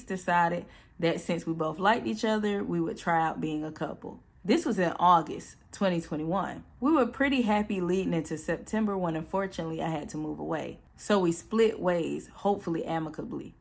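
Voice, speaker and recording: A woman reading forum posts aloud in a calm voice, then reacting with blunt, sassy commentary. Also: fairly low pitch. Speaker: storytime channel host.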